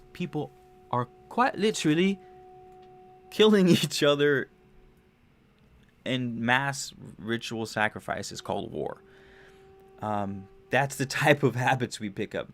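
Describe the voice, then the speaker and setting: A young man with a medium-pitched voice hosts a livestream podcast, rambling casually about spiritual ideas. He restarts phrases, swears loosely, and gets animated when he hits big points.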